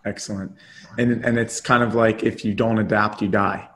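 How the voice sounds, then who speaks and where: A man with a fairly low voice hosts an interview. He is upbeat and quick to praise, recapping the guest's answers in his own words. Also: level tone, a bit bright, slight background noise. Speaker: podcast host. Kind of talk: enthusiastic interview hosting.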